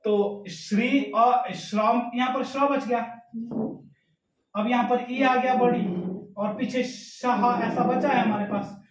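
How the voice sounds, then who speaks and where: High-voiced man teaching in an echoey room. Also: steady tone, recorded from a distance. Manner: asks and answers his own questions; recites rules slowly, syllable by syllable. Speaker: Sanskrit grammar teacher. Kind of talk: explanatory grammar lesson. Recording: echoey room, voice away from the mic.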